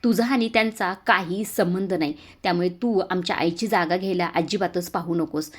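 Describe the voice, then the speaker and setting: Woman reading as an angry young man, accusing, demanding, slightly low voice. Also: normal speed, lightly acted.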